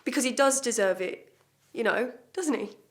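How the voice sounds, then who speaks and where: A woman's voice: fairly high pitch, normal speed, close to an everyday voice. Woman playing a blunt, defiant woman. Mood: cold defiant. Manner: blunt, swearing, hesitant fillers. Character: blunt defiant woman confessing under questioning. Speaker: actor. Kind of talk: self-tape monologue.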